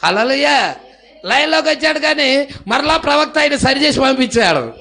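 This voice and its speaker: A fiery male preacher with a high, gravelly voice and a bright edge. He drives his sermon with sudden shouts and cries of hallelujah. When he tells a story, he acts out its characters. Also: lively intonation, normal speed. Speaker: pastor.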